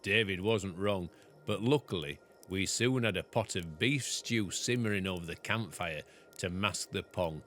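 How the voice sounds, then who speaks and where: A farmer reading a story from his own book aloud in a steady storytelling manner. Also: low-pitched, a little slow, slight background noise.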